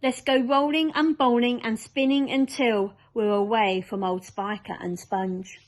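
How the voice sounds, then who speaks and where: A woman voicing a boisterous, reckless male centipede in a storybook, declaiming with excitable glee. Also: fairly high pitch, unhurried, natural voice. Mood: gleeful, declamatory.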